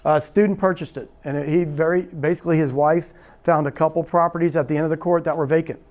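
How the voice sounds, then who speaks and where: Guy running a real estate seminar, tells stories, acts out the quotes, slightly high voice. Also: quick pace. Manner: animated storyteller, acts out quoted dialogue, repeats "right?". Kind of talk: storytelling seminar talk. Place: seminar room.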